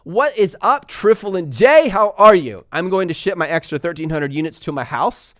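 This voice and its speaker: A man from Texas and California hosting a casual live stream, talking fast and energetically while reading viewer comments aloud. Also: high-pitched, lively intonation, a bit bright, no echo, clean studio sound. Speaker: livestream host answering viewer questions.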